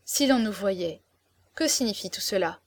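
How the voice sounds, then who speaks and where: A woman's voice: mid-range voice, lively intonation, moderate pace, dry recording, close to an everyday voice. A woman voicing a reserved, sorrowful middle-aged man in an audiobook, speaking in a subdued, hesitant murmur. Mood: bitter.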